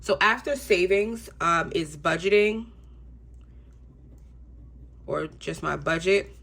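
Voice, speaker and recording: Her pitch sits on the low side, and she takes her time with a creaky, congested tone. This young adult woman runs a budgeting channel and talks to viewers in a chatty, easygoing way, filling gaps with frequent ums.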